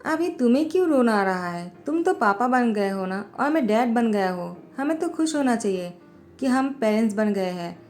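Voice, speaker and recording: A woman's voice: fairly high pitch, expressive, moderate pace, darkish tone, faint music behind, natural voice. Woman voicing a bossy young company boss. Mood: flat. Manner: curt, bossy. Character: cold scheming young male company president.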